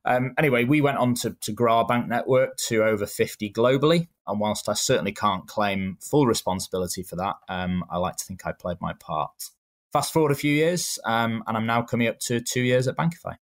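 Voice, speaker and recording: Answering an interviewer's questions, this thirtysomething man from England speaks Manchester English with an animated, medium-pitched voice. He explains things in a measured way, sprinkling in frequent ums.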